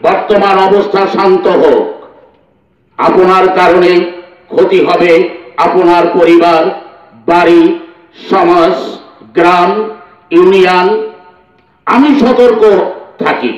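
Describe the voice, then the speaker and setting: A man making a formal public announcement through a loudspeaker, slow and measured, declaiming in short phrases. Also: high-pitched, fairly even intonation. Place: outdoors in a village. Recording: distant, echoey, dull loudspeaker sound.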